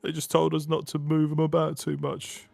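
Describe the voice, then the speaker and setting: A man's voice: fairly high pitch, completely flat delivery, moderate pace, creaky, darkish tone, no echo, soft background music. A man playing a captured, crude dock guard who swears and pleads defensively in a tabletop game. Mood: evasive.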